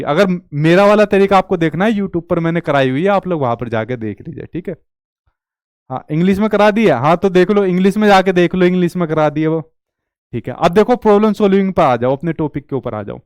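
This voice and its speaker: A man's voice: on the high side, a little mellow, smooth, no room sound, studio quality. A young man teaching an online exam-prep class, asking the class questions and answering them himself.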